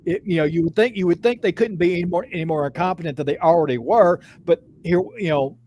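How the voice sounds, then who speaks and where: A man hosts a sports podcast and rants with a lot of energy, cursing freely and stacking repeated words. His voice sits a little high, with faint noise in the background. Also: quick pace. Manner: animated, profane, repeats words while ranting. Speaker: podcast host. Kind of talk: casual sports podcast chat.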